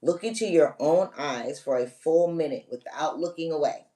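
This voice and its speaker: With a mellow, mid-range voice at a moderate pace, a spiritual reader coaches live-stream viewers through each step of a ritual, casual but emphatic, issuing direct commands and checking in often. The mic is a little distant.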